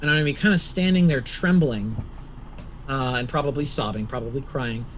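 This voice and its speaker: A man with a medium-pitched voice talks casually as a tabletop player. He works out his moves aloud in a halting way, with faint noise in the background. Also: low-quality recording. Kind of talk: casual tabletop game chat.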